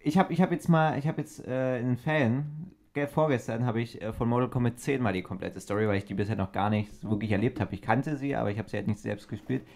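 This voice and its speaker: A man's voice: medium pitch, quick pace, creaky, hardly any pauses, darkish tone. A man of about twenty chatting on a podcast, explaining eagerly and correcting himself as he goes. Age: 20s. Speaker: podcast co-host. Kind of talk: casual chat.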